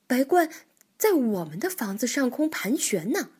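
A woman voicing a cautious, sensible male rabbit in a children's storybook, calm and doubtful. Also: sits high, normal speed, slightly rough, exaggerated voice. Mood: friendly. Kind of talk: storybook reading.

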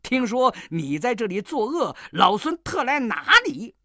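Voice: medium pitch, big pitch swings, measured pace, no echo, studio quality, pitched above the performer's own voice. A storyteller voicing a brash, cocky monkey king hero in a children's story. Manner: brash, shouting.

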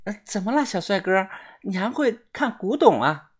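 A woman's voice: mid-range voice, very animated, moderate pace, husky, voice pushed up. A woman voicing a cheerful, greedy young woman with a chirpy manner in a storybook reading. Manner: bright and chirpy.

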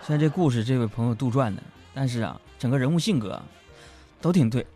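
A man with a Northeastern Mandarin accent, hosting a comic radio show and telling listener stories with lively delivery. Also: mid-range voice, quick pace. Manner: lively storytelling, acts out quotes. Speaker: radio host reading listener jokes. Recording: radio studio with music bed.

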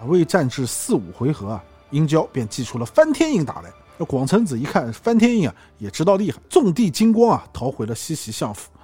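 Male podcast co-host, jokey dramatic storyteller, slightly high, husky. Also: wildly swooping pitch, a little fast, hardly any pauses, dark tone, soft background music.

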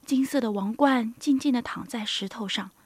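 A woman narrating a children's story in an expressive way, with soft, hushed asides. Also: fairly high pitch, normal speed, slightly rough, no echo.

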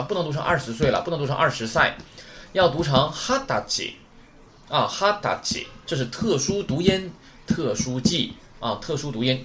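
A man teaching a recorded lesson to learners. He is patient, repeats key points and keeps asking rhetorical questions. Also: on the high side. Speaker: Japanese teacher.

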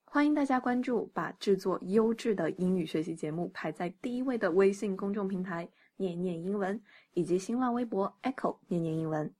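A woman's voice: mid-range voice, animated, a little fast, few pauses, a little mellow. A woman hosting an English-learning podcast who reads each English sentence twice and then explains it with patient, teacherly care. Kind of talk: scripted podcast lesson.

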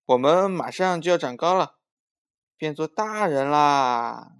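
A man voicing an eager, stubborn little boy who brags in a childish, excited voice. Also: medium pitch, measured pace, natural voice. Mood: boastful.

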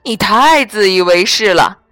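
A woman's voice: mid-range voice, expressive, measured pace, a bit bright, dry recording. A woman voicing a stern elf king in a storybook reading, grave and firm.

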